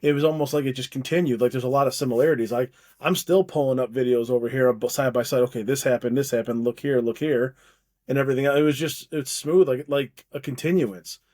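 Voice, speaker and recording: A man's voice: mid-range voice, fast, few pauses, a little mellow. A man co-hosting a casual podcast chat, talking in loose, rambling bursts with frequent restarts. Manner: rambling, many restarts, laughs easily. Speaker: podcast co-host.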